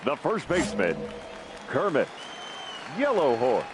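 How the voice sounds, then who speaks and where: A ballpark announcer whose voice carries through the stadium loudspeakers from far off. He stretches every name out slowly, his pitch swinging wide and high. A roaring crowd and heavy noise fill the space around him. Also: huge pitch swings. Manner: slow, drawn-out announcing of names with big swoops in pitch. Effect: booming through stadium loudspeakers, heard from afar. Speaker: ballpark public address announcer.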